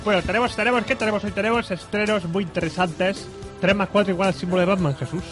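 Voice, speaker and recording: A male radio host in a studio, bantering casually with his co-hosts. His voice sits fairly high and he jumps from joke to joke. A little music plays faintly behind him. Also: steady tone. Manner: joking, rambling, quick banter. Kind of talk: casual chat.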